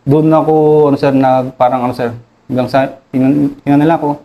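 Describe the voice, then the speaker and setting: Deferential Filipino army officer. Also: male voice, mid-range voice, fairly even intonation, dull audio. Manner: deferential, says "sir" constantly, halting with many fillers. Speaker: army officer recounting combat. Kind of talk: interview storytelling.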